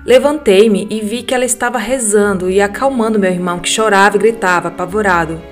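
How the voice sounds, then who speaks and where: A woman with a Brazilian Portuguese accent narrates scripted ghost stories in an even, measured way. Her voice sits in a middle pitch. Soft music plays faintly underneath. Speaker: podcast narrator reading listener stories. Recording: faint music bed behind the voice.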